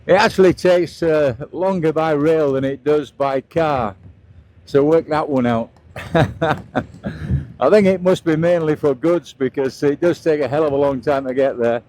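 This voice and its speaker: A man's voice: fairly high pitch, a little slow, darkish tone. A middle-aged British man giving casual, plain-spoken running commentary as he rides a scooter outdoors. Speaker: motovlogger narrating a ride. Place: outdoors, riding a scooter on roads.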